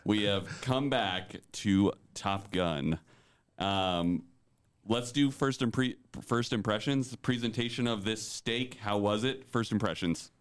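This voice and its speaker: A man with a fairly low voice hosts a casual podcast. He talks in a playful, upbeat way and leans into a presenter's delivery. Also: slow, clear, resonant tone. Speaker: podcast host. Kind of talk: casual chat.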